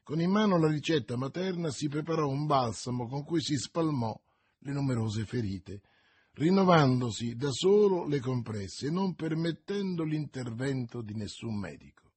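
A man narrating a novel as an audiobook, measured and expressive, with a husky voice. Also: medium pitch, no echo.

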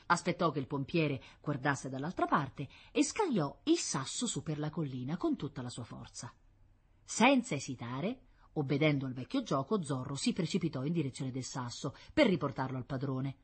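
A woman narrates an audiobook in a steady storytelling manner. Her voice sits low and has a husky, breathy grain. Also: normal speed.

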